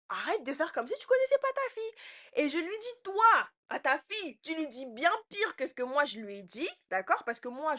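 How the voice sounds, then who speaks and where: A young woman telling a personal story in casual slang, swinging between quiet asides and loud outbursts. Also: sits high. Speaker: podcast host.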